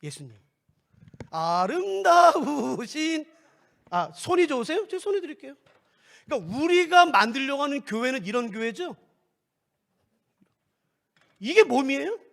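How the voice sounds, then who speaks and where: A middle-aged male pastor preaching a sermon in an animated, playful way, acting out little scenes. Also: extremely high pitch, unhurried, creaky, long pauses. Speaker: guest pastor. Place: church sanctuary.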